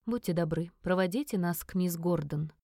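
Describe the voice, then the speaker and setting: A woman voicing a calm, dry elderly male mayor who speaks in a measured, slightly mocking way. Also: lowish voice, no room sound. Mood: genial.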